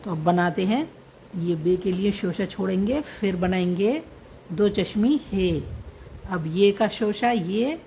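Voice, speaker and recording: Woman, patient teacher, very slow pace, repeats and spells out words, slight room noise. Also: mid-range voice, mellow. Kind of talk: slow explanatory script lesson.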